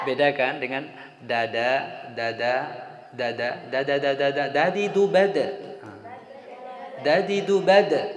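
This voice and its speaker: A man's voice: on the high side, noisy background. A man teaching Quran letter pronunciation in a live class, drilling sounds aloud and joking with his students. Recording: echoey room, crowd behind. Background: students in the room.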